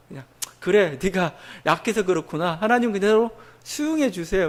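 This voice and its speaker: A man preaching a sermon as pastor, explaining a Bible passage in a conversational way with frequent fillers. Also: sits high.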